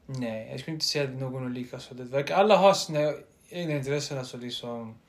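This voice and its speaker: A young man, co-hosting a casual podcast chat and rambling loosely through his stories. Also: medium pitch. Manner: rambling, loose, drops into quoted asides. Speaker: podcast co-host.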